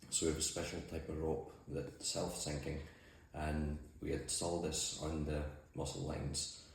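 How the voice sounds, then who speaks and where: This man, a mussel farmer and boat skipper, speaks with a Shetland accent and answers interview questions in a low-key, matter-of-fact fashion. His extremely low voice barely shifts in pitch, and he speaks a little slowly. The office setting is very echoey, with faint noise.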